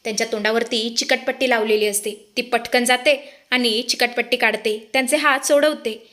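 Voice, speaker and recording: Woman narrator, dramatic story retelling, high voice, bright tone. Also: normal speed. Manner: lively storyteller, voices all characters. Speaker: narrator retelling a TV serial episode.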